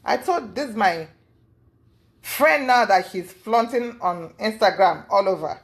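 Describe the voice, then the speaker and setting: Woman, casual interview, storytelling, fillers, rambling, mid pitch. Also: expressive, slow, vocal fry. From lives in the US. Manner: rambling with many fillers, acts out quotes in a high voice. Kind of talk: casual storytelling recounting events.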